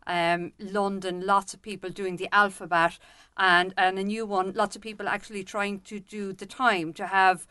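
A woman's voice: medium pitch, flat delivery, moderate pace, sharp tone, clean tone, no room sound. A woman with an Irish accent giving chatty, unscripted answers in an interview as a local event representative. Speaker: parkrun representative being interviewed.

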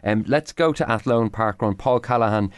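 Low-voiced Irish male radio host. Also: moderate pace, no room sound, studio quality. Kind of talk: unscripted interviewing and linking.

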